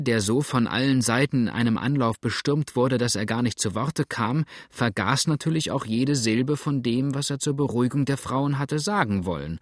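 A man reading a novel aloud in a measured, steady storytelling manner. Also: medium pitch, no room sound, studio quality. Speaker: audiobook narrator. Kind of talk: scripted narration of a novel.

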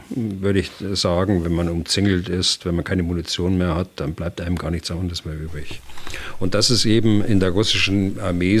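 Deep-voiced older man, hesitant explainer. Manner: hesitant, many filler sounds, measured. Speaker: retired general, expert guest. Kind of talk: explanatory interview answers.

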